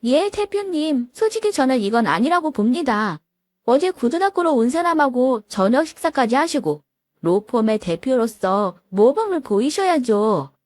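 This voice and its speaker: A woman voicing a spiteful young female lawyer who talks down to her sister-in-law with shrill scorn. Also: sing-song, moderate pace, no echo, studio quality. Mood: flustered.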